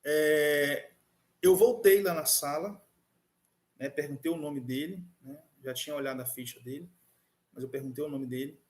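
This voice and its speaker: Guy teaching a class online, kinda high voice, chatty, lots of restarts. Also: fairly even intonation, moderate pace. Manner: conversational, many fillers and restarts. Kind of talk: online class lecture with a personal story.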